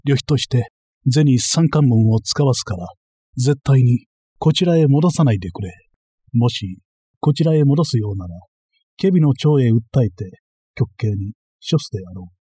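A man voicing a calm, unflappable young male messenger, delivering everything flatly and matter-of-factly. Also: mid-range voice, normal speed, husky, no echo. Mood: deadpan. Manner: flat, matter-of-fact delivery.

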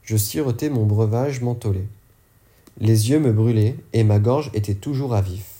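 A man's voice: on the low side, moderate pace, warm tone. A man reading an audiobook narration steadily, now and then correcting a slip. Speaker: audiobook reader.

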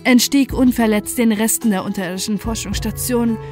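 Once more as the frantic first-person narrator of the horror drama, she confronts her mad ex-friend with dread and dramatic intensity. Her voice is on the high side, brisk, with fairly even intonation and close to everyday speech, and music plays in the background.

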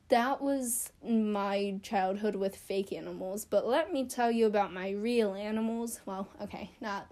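A young vlogger chats casually to the camera about her childhood, rambling and self-deprecating and using lots of fillers. Her voice is mid-range with a darkish tone.

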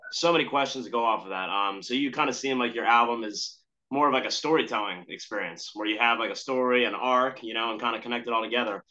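A man's voice: medium pitch, quick pace, pushed and bright. A man hosting a podcast in an informal, slangy chat style, with slightly dull lo-fi sound. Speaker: podcast host. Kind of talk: casual interview chat.

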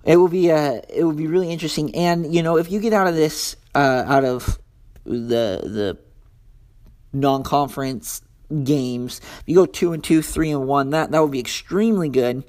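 A man's voice: a little high, moderate pace, a little mellow. A young American man hosting a casual solo sports talk, rambling through his thoughts with many fillers and restarts. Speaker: sports podcast host.

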